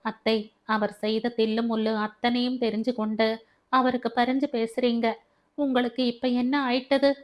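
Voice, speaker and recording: A woman reading an audio novel, voicing a sharp-tongued young working woman who asks scornful, pointed questions. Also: fairly high pitch, little pitch movement, moderate pace, lightly acted.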